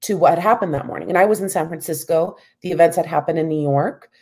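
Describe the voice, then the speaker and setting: A woman's voice: deep voice, fast talker, darkish tone, breathy edge. A woman from the United States in her thirties, a professor answering interview questions in a thoughtful, candid way with many "you know"s. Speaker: guest, professor.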